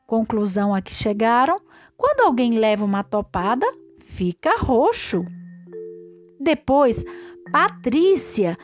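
A woman tells a story to small children in an animated, expressive read-aloud style. Her voice sits fairly high and swings widely in pitch, and she goes very slowly and carefully. Music plays behind her. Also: highs cut off. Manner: animated, slow and careful, addressing children affectionately as little friends. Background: background music.

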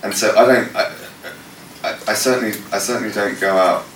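In a noisy, echoey room picked up by a distant mic, a low-voiced worship leader answers questions during a panel session. He talks briskly and in a steady tone, yet sounds hesitant, with many fillers and restarts.

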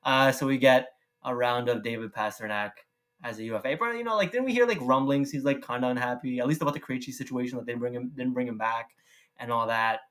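A man's voice: mid-range voice, fast talker, a bit bright. Laid-back man in casual sports chat. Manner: loose, swears, many fillers. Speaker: podcast co-host.

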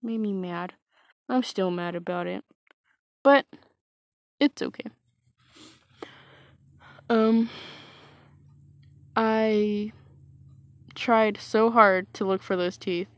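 A woman's voice: medium pitch, extremely slow, long pauses, no room sound. A woman casually telling a personal story, hesitant and wry, full of fillers and restarts. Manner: wry, self-mocking.

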